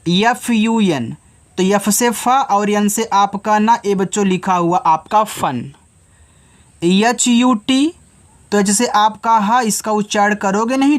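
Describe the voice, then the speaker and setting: A high-voiced man with a Hindi accent teaches kids English phonics. He goes letter by letter at a careful, unhurried pace, and over and over he poses a question only to answer it himself.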